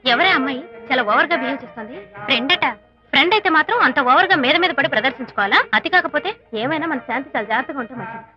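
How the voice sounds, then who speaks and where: A woman's voice: sits high, lively intonation, fast, pushed and bright. An actress playing a gossipy middle-aged mother in a comedy film, disapproving of others. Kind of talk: Telugu film comedy acting. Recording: dull film soundtrack with clear music.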